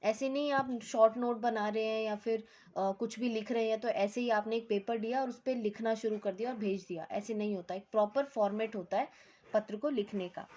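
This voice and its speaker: A fairly high-voiced woman teaches schoolchildren in a patient, repetitive way. She keeps checking that they follow and slips English words into her Hindi. The recording sounds dull and lo-fi. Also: steady tone, fairly quick, warm tone. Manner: patient, repeats points with frequent "ठीक है" check-ins. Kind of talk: explaining a Hindi lesson to schoolchildren.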